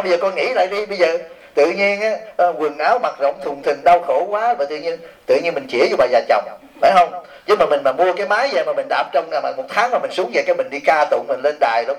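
Joking monk, slightly high voice. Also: male voice, poor audio. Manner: joking, teasing, peppered with rhetorical questions to the audience. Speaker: Buddhist monk giving a dharma talk. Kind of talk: humorous sermon answering written questions.

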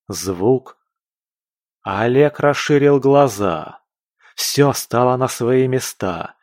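A male narrator reads a fantasy audiobook in a low voice. His delivery is steady and even, and the recording is dry and close. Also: dry recording. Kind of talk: scripted narration.

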